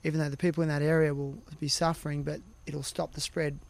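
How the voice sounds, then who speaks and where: A man with a fairly high, light voice hosts a podcast interview. He asks long, rambling questions in a loose, chatty way and thinks aloud as he talks. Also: little pitch movement, fast, gravelly, a little hiss or hum. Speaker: podcast host. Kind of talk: casual interview chat.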